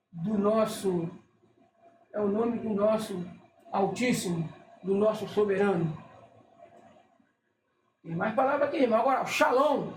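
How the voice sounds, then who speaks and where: Speaking in a mid-range voice, a religious teacher explains things casually while working through a list. They frequently check that the listener is following and stop to fix their own mistakes, all in an echoey space with a little noise.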